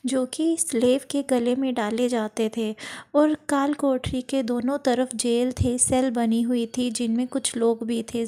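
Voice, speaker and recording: A woman narrating a first-person novel chapter in a soft, even storytelling manner, voicing the characters' quoted lines in her own voice. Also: high voice.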